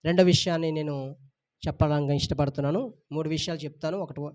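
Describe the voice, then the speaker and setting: A pastor preaches with emphatic, repetitive phrasing, pressing each point again and again. His voice sits notably high for a man. The recording is dry and close, with no room echo. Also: fairly even intonation, fast talker, a little mellow. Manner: emphatic, repetitive preaching with rising and falling intensity. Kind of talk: sermon.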